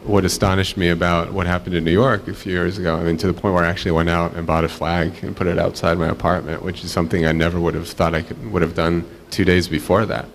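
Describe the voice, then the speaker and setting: A man's voice: low voice, level tone, fast, vocal fry, hardly any pauses, a little hiss or hum. A man from Israel speaking reflectively on a panel, with many fillers.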